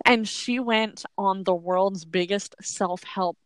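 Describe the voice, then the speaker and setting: A woman's voice: medium pitch, takes it slowly, fairly bright tone, dry recording. A woman hosting a casual chat show, rambling informally in a slightly wheezy voice as if a little unwell. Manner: rambling, informal, laughs easily. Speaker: podcast host.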